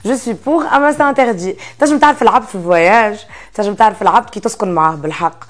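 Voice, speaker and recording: A woman in her thirties with a Tunisian accent talks at a breakneck clip, lively and quick to laugh. She drops French phrases into her Arabic as she answers an interviewer in a studio. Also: medium pitch, crowd noise. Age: 30s. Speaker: interview guest, influencer. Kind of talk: casual interview chat. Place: indoor studio set with armchairs.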